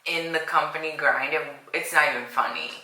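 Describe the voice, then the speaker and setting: A woman's voice: low-pitched, fairly quick, bright, forceful tone, roomy sound, rough recording. A woman co-hosting a podcast, chiming into a casual chat with short remarks and laughs. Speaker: podcast co-host.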